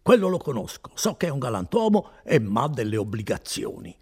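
Indignant young peasant guy, loud and high, gravelly edge , man reading it. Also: sing-song, brisk, full character voice. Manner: loud, raised and exclaiming.

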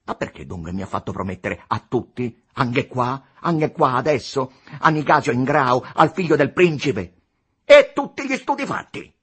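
A man voicing an agitated young male engineer who protests angrily and convulsively, with a husky voice. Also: on the low side, expressive, moderate pace, pushed and bright, pitched above the performer's own voice, heavily acted. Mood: indignant.

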